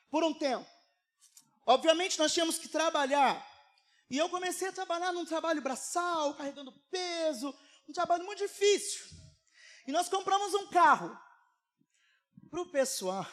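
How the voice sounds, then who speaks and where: A man with a Carioca accent preaches to a congregation in a strikingly high voice. He drops to a hush for his stories, then rises to fervent, shouted calls, the way a Rio pastor carries a live church service. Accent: Carioca Brazilian Portuguese. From Rio de Janeiro, Brazil. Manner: impassioned, swinging from hushed storytelling to shouted exhortation.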